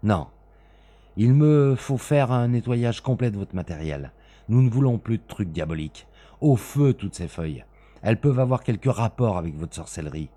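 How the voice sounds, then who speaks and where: A man's voice: on the low side, expressive, normal speed, mellow, voice pushed up. A man voicing a stern, implacable man who gives curt, menacing orders in a storybook reading.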